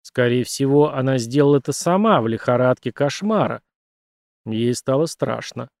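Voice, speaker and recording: A man narrating an audiobook in a steady, even reading voice. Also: medium pitch, normal speed, vocal fry, dry recording, studio quality. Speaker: audiobook reader. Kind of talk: scripted narration.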